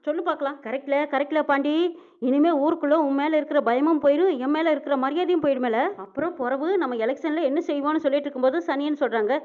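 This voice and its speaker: A woman rattles through a serial's story at a fast clip. Her voice sits high, and she slips into the characters' dialect lines. The audio is slightly dull and lo-fi. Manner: quick animated retelling in village dialect. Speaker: serial recap narrator.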